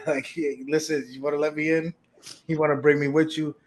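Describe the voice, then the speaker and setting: A man's voice: a little high, level tone, normal speed. A man hosts a casual live-stream chat with a slightly raised voice. He talks in a loose, slangy, laid-back way, reading viewer comments and reacting to them. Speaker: host.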